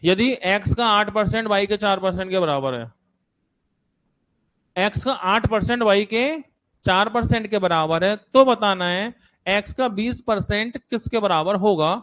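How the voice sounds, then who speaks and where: A man's voice: sits high, unhurried, fairly bright tone. A man teaching a maths class to seated students, repeating numbers and steps aloud and checking that students follow.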